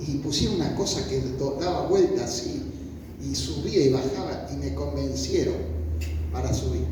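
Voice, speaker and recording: A man's voice: on the high side, noisy background. A man with a Rioplatense Spanish accent preaching a sermon, telling stories in a loose, conversational way and acting out pleading voices. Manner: informal storytelling preaching, acts out pleading voices. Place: church meeting hall. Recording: echoey hall, voice from far off.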